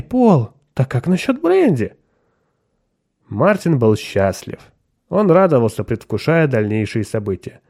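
A man reading a story aloud as narrator, giving the characters their own voices. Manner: expressive storytelling, shifting pitch for characters. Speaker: audiobook narrator. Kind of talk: scripted narration with voiced dialogue.

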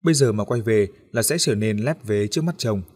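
A man reading out an emotional story in a steady, earnest narrating voice. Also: lowish voice, fairly quick.

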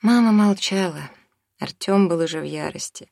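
A narrator reading a story as an audiobook in a steady, measured way. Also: medium pitch, gravelly, no room sound, clean studio sound.

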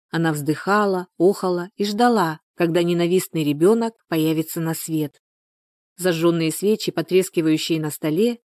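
A woman narrating a story as an audiobook, in an even, measured way. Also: on the low side, dry recording, clean studio sound.

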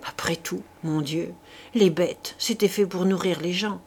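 A woman reading a classic novel aloud as an audiobook, measured and deliberate. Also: fairly low pitch, slight background noise. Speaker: audiobook reader. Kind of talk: literary audiobook narration.

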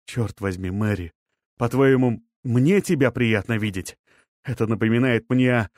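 A man playing a weary, bitter middle-aged man in an audiobook, speaking flatly and resignedly. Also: medium pitch, normal speed, no room sound, natural voice. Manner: flat, resigned, shrugging.

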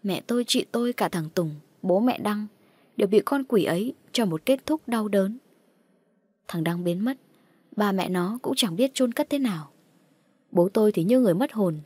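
A woman's voice: mid-range voice, expressive, moderate pace, dark tone, breathy edge, dry recording. A woman reading a first-person horror story aloud in a tense, dramatic way. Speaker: narrator. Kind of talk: scripted horror story narration.

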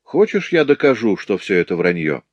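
A man's voice: on the low side, big pitch swings, moderate pace, no room sound, dull audio. A man reading a story aloud, voicing a lecherous male master who mocks and threatens a young woman. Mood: sneering menace. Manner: sneering, taunting.

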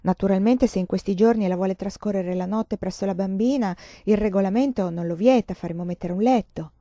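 A woman's voice: on the high side, lively intonation, mellow, dry recording, dull audio, voice pushed up. A woman reading an audiobook, voicing a hospital nun who is polite but firm and insistent. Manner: brisk, firm and courteous.

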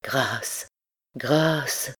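A woman reading an audiobook, voicing an obsessed older priest who pleads in hushed, breathless tones. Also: rumbling low, takes it slowly, exaggerated voice. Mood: pleading.

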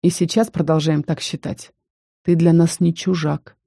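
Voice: medium pitch, level tone, vocal fry, mellow, dry recording, studio quality. A reader voicing a stern, protective young male mage who speaks coldly and firmly in an audiobook. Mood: somber. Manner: cold, firm, measured. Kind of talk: audiobook character reading.

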